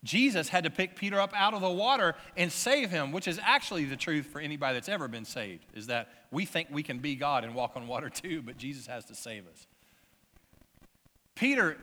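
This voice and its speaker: A man's voice: a little high, expressive, a little fast, pushed and bright, long reverb tail. A man preaching a sermon as pastor, telling the story in a conversational way and asking his listeners questions.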